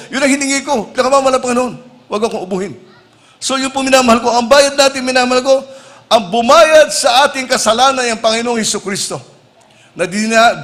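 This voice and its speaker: Man, preacher, sermon, high-pitched, keeps saying "beloved", mixes in English. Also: a bit bright. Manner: calls the listeners "minamahal ko" (beloved) over and over.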